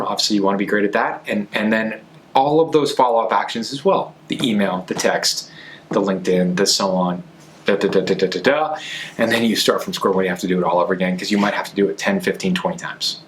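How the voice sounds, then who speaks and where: A man's voice: on the low side, fairly bright tone, slight background noise. A man coaching on sales in a conversational way, as a podcast host, stressing his points by repeating key phrases.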